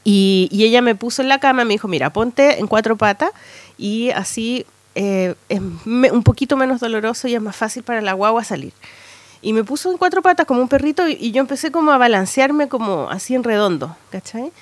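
Chilean woman co-host in her thirties, higher pitch, animated storyteller, dry close recording. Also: fairly quick, dry recording. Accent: Chilean Spanish. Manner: animated storytelling with lots of slang tags. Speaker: podcast co-host. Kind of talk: casual chat.

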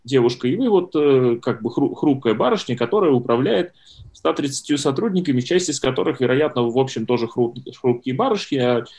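A man's voice: mid-range voice, lively intonation, fairly quick, a little mellow. A man in his thirties hosting an interview, talking in a rambling, self-deprecating way with many fillers and restarts. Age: 30s. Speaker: podcast host. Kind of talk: casual interview chat.

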